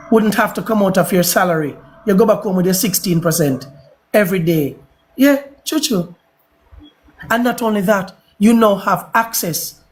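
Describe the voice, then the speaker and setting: A man with a Jamaican accent hosting a livestream, delivering a preachy, repetitive, heated monologue. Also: sits high. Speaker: livestream host.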